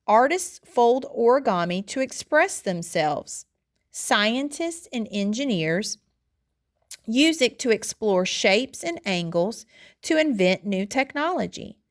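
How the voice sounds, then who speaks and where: A fairly high-voiced woman narrates a read-aloud lesson like a teacher leading her class through a passage, pacing it out phrase by phrase in an instructional way. She occasionally trips over a word, then fixes it.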